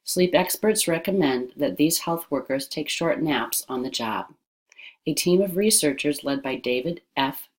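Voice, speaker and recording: An animated woman with a low-pitched voice reads a scripted informational passage as an educational narrator would, articulating her words with careful deliberation.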